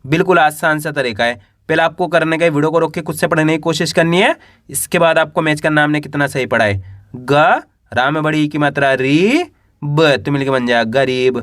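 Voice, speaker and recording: A man's voice: a little high, normal speed, fairly bright tone, dry recording, clean studio sound. Patient man teaching Hindi reading. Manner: patient, repeats each word after asking the viewer. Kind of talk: slow spelled-out reading lesson.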